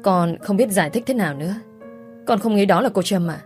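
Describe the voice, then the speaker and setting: A woman's voice: mid-range voice, fairly quick, darkish tone, faint music behind. A woman narrating a romance story and reading every character's lines in much the same voice. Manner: reads all characters in one voice.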